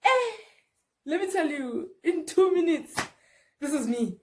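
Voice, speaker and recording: A young South African woman with a South African accent, telling a personal story to camera in an animated way and mixing in local words. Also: high-pitched, unhurried, slight background noise. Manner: animated, mixes in Zulu and Sotho words, swings between loud and hushed. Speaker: vlogger.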